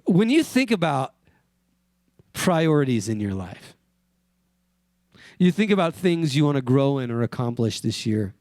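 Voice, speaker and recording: A man from Wyoming preaching a sermon as pastor, in an earnest, conversational way, asking the congregation questions and dropping softly on key words. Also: medium pitch, very animated, unhurried, pauses often, dry recording.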